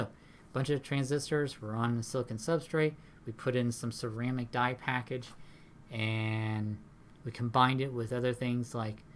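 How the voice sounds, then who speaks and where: A man's voice: mid-range voice, slight background noise. Rambling male lecturer, frequent tag questions. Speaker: university lecturer. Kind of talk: recorded lecture.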